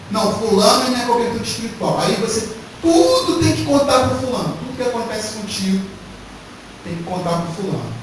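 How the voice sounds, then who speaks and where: A man with a fairly high voice preaches emphatically, firing rhetorical questions at his congregation. He is picked up from a distance, so the voice sounds set back from the mic. His words ring through a very echoey hall over a faint hiss. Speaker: pastor. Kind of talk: sermon. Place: church hall.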